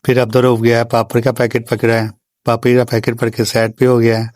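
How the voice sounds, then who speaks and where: A father tells a family vlog in a steady voice-over, walking through the day step by step. His pitch barely moves and stays near a monotone at a middle height. The sound is dry and close, with no room in it. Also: fairly quick, dry recording. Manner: plain step-by-step recounting. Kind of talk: voice-over storytelling.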